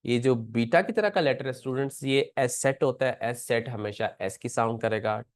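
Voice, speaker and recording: A man's voice: medium pitch, normal speed, dry recording. A man teaching a classroom pronunciation lesson, patiently explaining and repeating words aloud. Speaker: language teacher.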